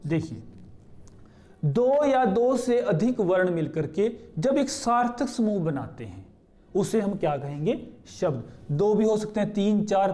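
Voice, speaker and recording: A man with a high but mellow voice teaches a grammar lesson. He poses questions to his students and answers them himself, pointing to what he has written and repeating key terms slowly. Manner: points to what he writes on a board. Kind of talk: explanatory lesson.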